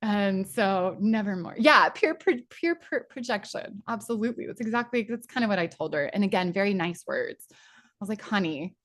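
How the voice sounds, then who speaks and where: Chatty excitable woman leading a workshop. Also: medium pitch, normal speed. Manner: chatty, excitable, rambling with restarts. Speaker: spiritual workshop leader. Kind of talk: informal spiritual teaching talk.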